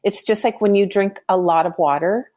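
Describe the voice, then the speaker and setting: With a warm, medium-pitched voice at normal speed, a woman in her fifties talks earnestly as a podcast guest about her views. She founded a skincare company, and she frequently restarts as she speaks.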